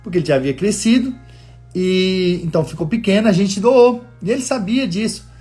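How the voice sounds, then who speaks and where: Male pastor preaching, higher voice, husky tone, soft music behind, earnest storyteller. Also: normal speed. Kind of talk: sermon. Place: living in the United States.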